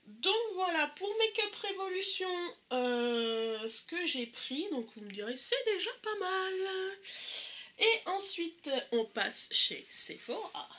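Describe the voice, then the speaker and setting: Bright-voiced chatty woman with a stuffy nose. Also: high voice, sing-song, slow pace, hardly any pauses. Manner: chatty and enthusiastic, many hesitations. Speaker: beauty vlogger. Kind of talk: casual makeup haul chat.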